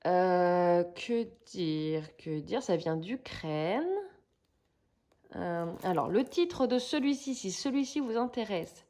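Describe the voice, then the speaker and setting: A woman's voice: fairly low pitch, animated, takes it slowly, warm tone. A woman vlogger chatting casually through a craft kit unboxing, hesitant and searching for words with many fillers.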